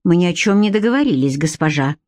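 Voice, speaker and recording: A woman's voice: on the low side, lively intonation, quick pace, a little mellow, dry recording, natural voice. A woman reading the part of a cold, cynical Viking warrior who curtly orders his captive about. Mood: cold commanding. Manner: curt, coolly commanding, cynical.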